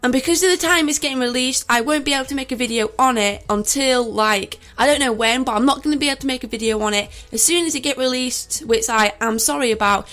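A woman with a stuffy nose from a cold, sounding out of breath as she gives excited gaming news to her viewers. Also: high-pitched, quick pace, hardly any pauses. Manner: excited, hyped-up chatter to viewers. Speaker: gaming YouTuber.

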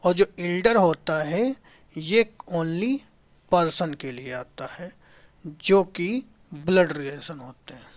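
Slow-paced man teaching grammar. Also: a little high. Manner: explains slowly, repeats key terms, asks rhetorical questions. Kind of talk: whiteboard grammar lesson. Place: small indoor room at a whiteboard.

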